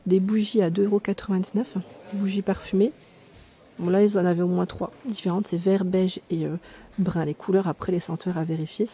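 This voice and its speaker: A woman filming herself as she walks through a discount store, reading out prices and pausing now and then to check the labels. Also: lowish voice, steady tone, mellow, breathy edge. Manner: chatty, pauses to check labels, reads prices aloud. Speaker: vlogger touring a discount store. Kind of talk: casual store-walk commentary. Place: inside a large retail store.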